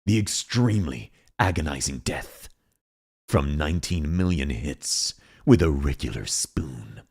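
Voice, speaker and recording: A man voicing a movie-trailer announcer in a slow, deep, dramatic delivery. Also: lively intonation, creaky, darkish tone, breathy edge, full character voice. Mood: ominous.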